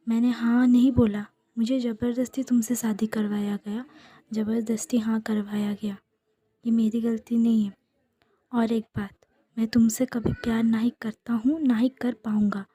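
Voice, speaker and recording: A woman's voice: a little high, warm tone, husky. A woman whispering as a cold, curt young husband. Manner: curt and dismissive. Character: cold, harsh young man rejecting his new spouse.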